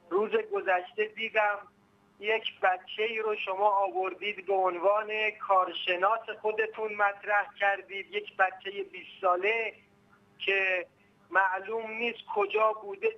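A male caller on a phone line, complaining in a heated, accusing and insistent way. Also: high voice. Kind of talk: angry call-in complaint. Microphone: telephone.

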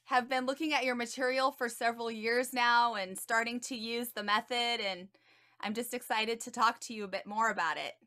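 Bright eager woman hosting a video interview. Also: a little high, steady tone, normal speed. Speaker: host, social worker. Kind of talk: scripted introduction then interview. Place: home living room, video call. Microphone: video call from home.

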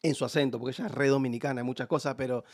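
Animated Buenos Aires man telling stories. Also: medium pitch, very fast. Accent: Buenos Aires Argentine Spanish. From Argentina. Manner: animated storyteller acting out quoted voices. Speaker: podcast guest. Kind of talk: casual interview chat.

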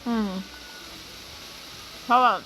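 Bright-voiced chatty woman vlogger. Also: a little hiss or hum. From Thailand. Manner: chatty and unhurried, with frequent soft hums and polite particles. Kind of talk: casual chat to camera.

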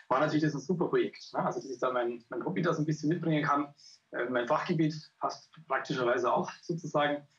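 A young adult man who is a computer scientist, explaining his work in a chatty way on a video call. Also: mid-range voice. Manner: chatty, often adds tag questions. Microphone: earphones with a mic on a video call. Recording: dull lo-fi call audio.

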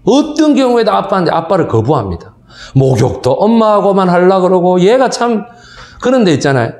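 A man's voice: sits high, brisk. A man in his thirties giving a history lecture to seniors. He tells stories and keeps asking the audience for agreement. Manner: animated storytelling, asks the audience for agreement. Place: lecture hall. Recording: echoey hall.

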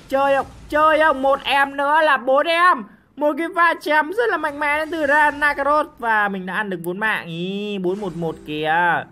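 Excitable man doing game commentary. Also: very high-pitched. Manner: excitable, full of exclamations and repeated cries; joking, boastful banter with viewers. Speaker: mobile game streamer. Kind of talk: live gameplay commentary. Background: game music.

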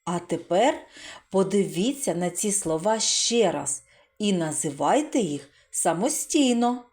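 Slow, lively-voiced preschool teacher woman. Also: mid-range voice. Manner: warm encouraging praise, stretched syllables. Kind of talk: slow, expressive children's literacy lesson.

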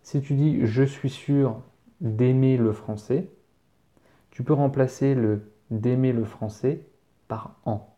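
A man's voice: medium pitch, warm tone. A man teaching French, reading out viewer questions and answering them casually, spelling words out letter by letter. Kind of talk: casual live Q&A.

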